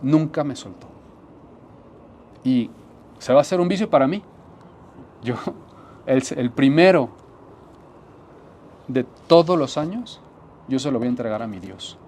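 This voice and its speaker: A man preaching, sharing a personal testimony with earnest conviction. He repeats key phrases and sinks into quiet tones to stress them, at a middle pitch. A faint hiss sits under the recording. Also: expressive, a little slow, pauses often. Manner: earnest, repetitive, drops to soft tones for emphasis. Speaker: pastor. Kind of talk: sermon testimony.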